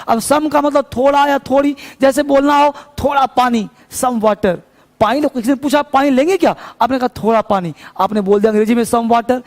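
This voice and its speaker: High-voiced man teaching English, echoing room. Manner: explains patiently, repeating phrases and asking the class questions. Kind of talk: spoken English lesson. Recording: long reverb in the room.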